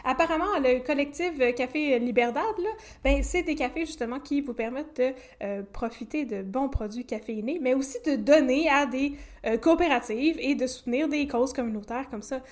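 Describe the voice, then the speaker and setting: A woman's voice: sits high, normal speed, hardly any pauses, darkish tone. A woman with a Québécois French accent co-hosting a podcast in playful, chatty conversation, laughing often. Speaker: podcast co-host. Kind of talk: casual chat.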